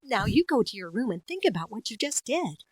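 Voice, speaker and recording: A woman voicing a very nice, patient mother from a video game who gently explains how to do things. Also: a little high, sing-song, brisk, slightly rough, dry recording, clean studio sound. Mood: gently scolding. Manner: sweet, carefully explaining.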